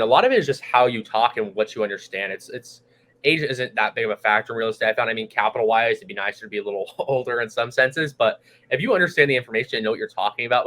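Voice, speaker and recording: A man of about twenty from California, a guest chatting casually on a podcast, eager and quick to laugh, with plenty of "like.". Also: medium pitch, fairly bright tone. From United States, California. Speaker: guest, young real estate investor.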